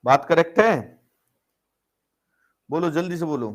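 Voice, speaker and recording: A man's voice: a little high, measured pace. A man teaching an algebra class online, working through problems step by step, asking rhetorical questions and urging students to reply. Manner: coaxing, keeps calling students brother and asking them to reply. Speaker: maths teacher.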